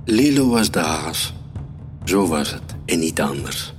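A man reading a children's story aloud in a calm, measured way. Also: very deep voice. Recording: reverberant room with soft music.

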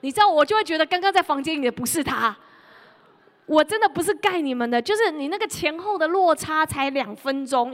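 Lively woman preacher in a reverberant hall. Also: high voice. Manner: lively storytelling, mimics her child and addresses the congregation directly. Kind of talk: sermon.

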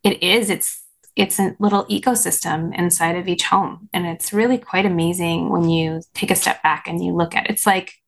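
A woman's voice: on the low side, fairly even intonation, moderate pace, vocal fry. A woman guest in an interview, explaining ideas earnestly with many "like" fillers. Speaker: guest, course creator in parent health. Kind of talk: conversational interview.

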